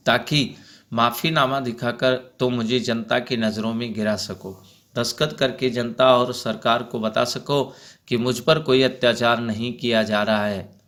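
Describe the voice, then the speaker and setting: A man's voice: mid-range voice, steady tone, measured pace, fairly bright tone, close to an everyday voice. A man reading as a defiant young rebel. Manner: defiant, fiery retorts. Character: defiant brave young male freedom fighter.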